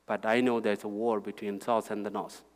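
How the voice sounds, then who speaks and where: A man's voice: on the low side, flat delivery. Man speaking in an echoing hall. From South Sudan. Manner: halting, repeats words, plain heartfelt. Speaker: guest speaker. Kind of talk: personal testimony talk with slides. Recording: hall reverb.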